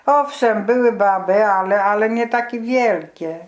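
A woman's voice: mid-range voice, measured pace, dull audio, slight background noise. An elderly woman reminiscing casually as a grandmother, explaining things in a colloquial, matter-of-fact way. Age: 70s or older. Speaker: grandmother being interviewed.

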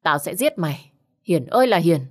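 A woman's voice: deep voice, fairly quick, close to an everyday voice. A woman reader voicing an angry, jealous young husband who speaks in harsh, accusing bursts. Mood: furious.

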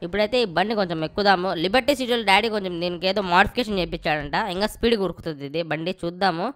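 Fast, rowdy woman gamer. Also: lowish voice. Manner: rowdy, playful, swears freely. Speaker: gaming channel host. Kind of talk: casual gameplay commentary.

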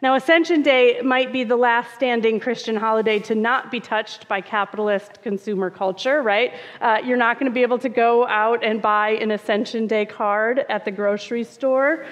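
A woman's voice: fairly high pitch, fairly even intonation, moderate pace, hardly any pauses. A woman pastor giving a conversational sermon, with touches of humor and frequent "uh" fillers. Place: church sanctuary. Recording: reverberant, dull church sound.

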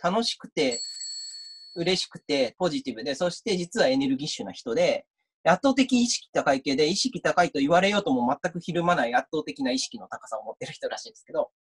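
A man's voice: on the high side, animated, fast, slightly rough. A university lecturer giving an online mock class, chatty and reading out viewer comments as he talks.

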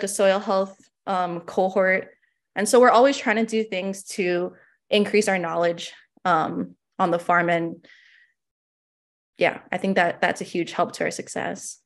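A woman in her twenties from Hawaii, a small farm owner giving a conference presentation over a video call, talking casually with many fillers. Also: medium pitch. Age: 20s.

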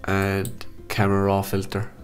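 A man with a blocked-up, nasal voice from hay fever, calmly talking through a software photo-editing tutorial step by step. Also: deep voice, unhurried, soft background music. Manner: calm step-by-step instructions. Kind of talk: screen-recorded software tutorial.

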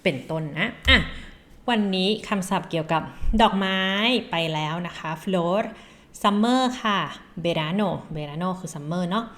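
A woman from Thailand teaching Spanish vocabulary in a casual, chatty way, reading example phrases slowly and laughing at her own slips. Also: lowish voice, a bit bright. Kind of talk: casual language lesson.

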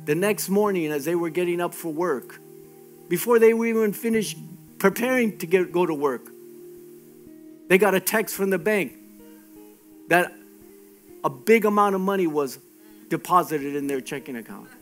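Pastor guy preaching hard, real high voice, keeps repeating himself, faint music behind. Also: expressive, moderate pace, long pauses. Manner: emphatic, exhorting, repeats phrases. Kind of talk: sermon.

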